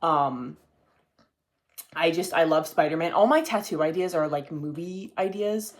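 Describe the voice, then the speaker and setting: Speaking at a measured pace in an animated, slightly high voice, a young podcast host chats loosely to his camera. He wanders from point to point and lets the odd swear slip.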